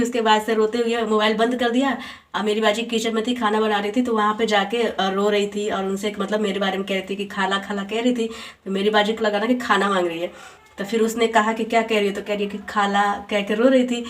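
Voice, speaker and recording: A young woman chatting in a casual home vlog, telling stories with giggly asides while doing chores, a little unwell. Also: fairly high pitch. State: feeling unwell. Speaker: vlogger. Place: home, moving between rooms and rooftop.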